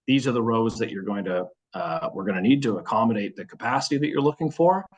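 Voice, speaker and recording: A man's voice: on the low side, expressive, fast talker, husky, dull audio. A man explaining product selections in a webinar walkthrough, practical and full of fillers.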